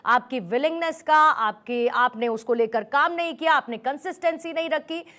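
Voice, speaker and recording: Female news debate anchor, high-pitched, long pointed questions, some English mixed in. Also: moderate pace, sharp tone. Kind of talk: moderating a TV political debate.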